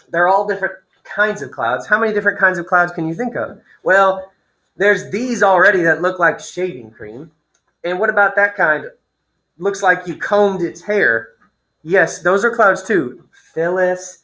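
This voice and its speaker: Bright-voiced man teacher reading aloud. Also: sits high. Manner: playful, chatty asides to students. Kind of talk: reading a story aloud to a class and explaining it. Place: classroom. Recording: echoey classroom with students.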